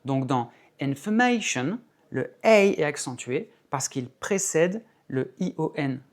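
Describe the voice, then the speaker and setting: A man teaching English in an explanatory video lesson, speaking in a measured way, stressing key words and demonstrating pronunciation examples. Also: a little high, expressive.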